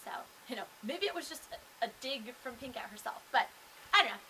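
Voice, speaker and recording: A woman's voice: a little high, lively intonation, a little fast, sharp tone, slight background noise, rough recording. A young woman chatting casually to camera as a vlogger, rambling with lots of fillers and restarts. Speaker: vlogger and singer.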